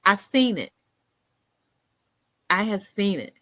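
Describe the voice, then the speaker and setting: A woman hosting a podcast in casual solo commentary, animated, often laughing and repeating words for emphasis. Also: medium pitch, takes it slowly, dry recording. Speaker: podcast host.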